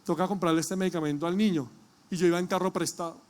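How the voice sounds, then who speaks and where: A male pastor preaching a sermon, telling a personal testimony with emotion and rising to loud calls to the congregation. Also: high-pitched, fairly even intonation, quick pace.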